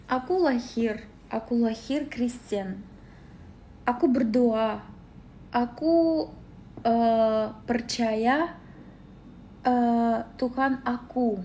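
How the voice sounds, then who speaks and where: A woman's voice: a little high, darkish tone, a little hiss or hum. A woman from Belarus, chatting casually on a phone livestream and answering comments. She is tired and sleepy, and halts often to search for words. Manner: halting, searching for words, many pauses with "eh".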